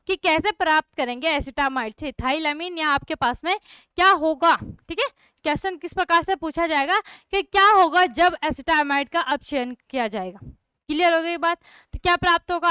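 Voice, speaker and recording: A woman's voice: high-pitched, bright, forceful tone, no echo, studio quality. A young woman teaching a chemistry class online, often checking that students have understood. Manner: repeats checks like "clear?" and "okay" to students.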